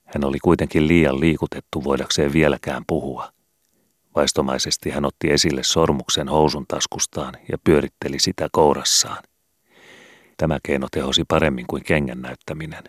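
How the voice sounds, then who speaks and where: A man reading a children's book aloud in calm, measured scripted narration. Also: very deep voice, slightly rough, no echo, clean studio sound. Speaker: audiobook reader.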